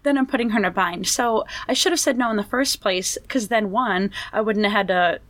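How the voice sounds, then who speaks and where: A woman's voice: medium pitch, a little fast, a bit bright, no room sound. A woman telling stories in casual chat, laughing often and acting out quotes.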